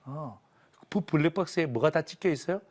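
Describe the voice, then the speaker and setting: A middle-aged man teaches a Bible class on television. His voice sits high for a man and swings widely in pitch. He talks in an animated way, acts out little scenes and has the audience repeat phrases after him. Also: a little fast. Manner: animated, acts out quarrels, leads call-and-response. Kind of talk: lively televised Bible lesson.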